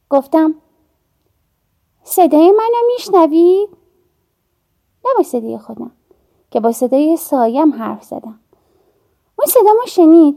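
A woman narrating an audiobook in a measured storytelling manner with soft, hushed dips. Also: high-pitched, creaky.

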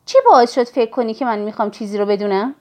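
A woman voicing a surly, suspicious man in an audiobook, reading his lines in a gruff, mocking way. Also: fairly high pitch, lightly acted. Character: surly suspicious man who scoffs loudly.

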